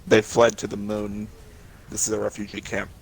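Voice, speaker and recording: A man with a low, gravelly voice co-hosts a game stream. He teases the player with dry, deadpan remarks in casual talk. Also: normal speed, slight background noise, poor audio. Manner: dry, teasing.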